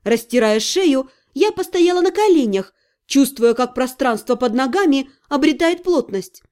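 A woman's voice: high voice, lively intonation, a little slow, a little mellow. A woman narrating a first-person fantasy story with a wry tone. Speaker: audiobook narrator.

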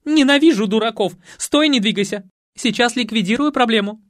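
A man voicing a shrill, bossy middle-aged society lady in an audiobook, scolding and yelling orders. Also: a little fast, no room sound, clean studio sound. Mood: frantic. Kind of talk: audiobook character voice.

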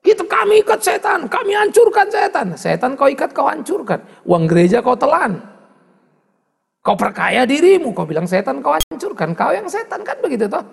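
A man delivers a sermon with gravelly fry in his voice and wide swings of pitch, teasing one moment and exclaiming the next. His tone is husky, and a long reverb trails behind him. It sounds like a church hall. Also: normal speed. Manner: animated preaching, mocking asides and rising exclamations. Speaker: pastor.

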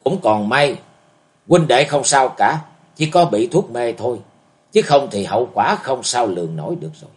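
A man's voice: medium pitch, lively intonation, normal speed, natural voice. A man voicing an earnest, middle-aged escort company chief. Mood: relieved.

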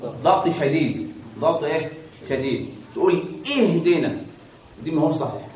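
Egyptian teacher drilling students, echoey room. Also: male voice, fairly high pitch, a little fast, darkish tone, distant mic, slight background noise. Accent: Egyptian Arabic. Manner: call-and-response questioning, drilling pronunciation. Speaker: Quran recitation teacher. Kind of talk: Quran recitation lesson.

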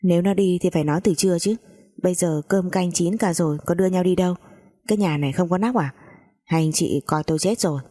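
A woman's voice: lowish voice, fast talker, warm tone, lightly acted. A woman voicing a domineering, self-pitying mother-in-law who scolds sharply. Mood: scolding.

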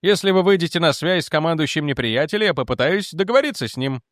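A man's voice: on the high side, lively intonation, fast talker, fairly bright tone, dry recording, studio quality. A man voicing an officious government representative who presses demands and questions. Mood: indignant demanding.

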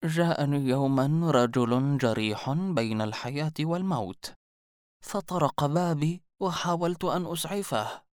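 A man voicing a mysterious old woman hermit, slow and scornful, in a storybook reading. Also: low voice, expressive, a little mellow, no room sound, studio quality, voice pushed up. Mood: ominous. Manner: slow, mocking, ominous delivery.

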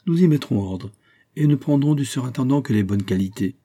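A man's voice: mid-range voice, animated, brisk, dark tone, slightly rough, voice pushed up. A man reading aloud voices a proud, resolute young king who speaks in a firm, commanding way.

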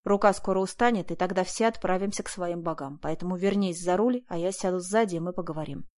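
A woman reading an audiobook, voicing a calm, resolute Uzbek man who speaks low, steady and commanding. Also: fast talker, close to an everyday voice. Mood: cold commanding.

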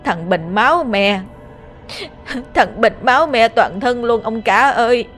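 A woman's voice: medium pitch, sing-song, a little slow, sharp tone, soft background music. A woman voicing a wailing, terrified older woman. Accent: Southern Vietnamese. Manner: wailing, panicked cries. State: crying. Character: grieving frantic older woman seeing ghosts.

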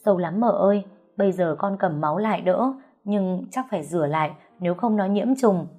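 A woman's voice: lowish voice, fairly quick, warm tone, faint music behind. A woman voicing a frightened, chatty young housemaid, talking in breathless, fretful bursts. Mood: worried.

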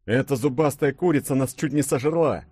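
A man reading an audiobook, voicing a jumpy, sarcastic young man with a strained, high voice. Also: a little fast, mellow, slightly rough, no echo, clean studio sound, natural voice. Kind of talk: audiobook character voice.

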